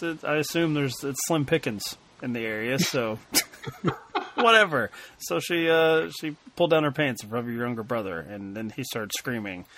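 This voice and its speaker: A man co-hosting a casual film discussion, halting and self-correcting, wry with small chuckles. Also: mid-range voice, a bit bright, a little hiss or hum. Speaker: podcast co-host.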